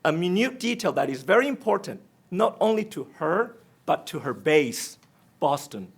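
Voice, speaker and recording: This high-sitting, very animated male voice, slightly rough and at a moderate pace, belongs to a man from Taiwan running for union treasurer. He speaks with a Taiwanese accent and non-native phrasing, delivering a direct, pointed debate statement.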